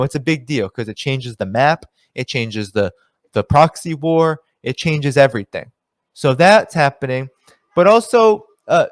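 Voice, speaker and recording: A man hosts a solo commentary stream, reading passages aloud and then talking them through in a loose, conversational way. His pitch sits in an ordinary middle range, and the sound is close and dry, with no room echo. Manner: conversational, many fillers and restarts, reads quotes aloud. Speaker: political commentary host.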